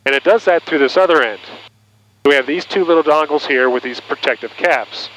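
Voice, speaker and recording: A man's voice: fairly high pitch, a little fast, a bit bright. A man presenting a product demonstration in an instructional way, sounding like a pilot talking over a headset intercom. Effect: aviation headset intercom sound. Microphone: aviation headset through intercom cable. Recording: muffled cockpit intercom audio with noise.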